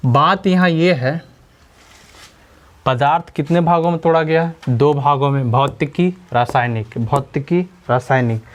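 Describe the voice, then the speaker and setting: Man teaching science, kinda high voice, keeps asking and repeating stuff. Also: measured pace. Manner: repeats key words and quizzes listeners with questions. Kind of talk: classroom lecture.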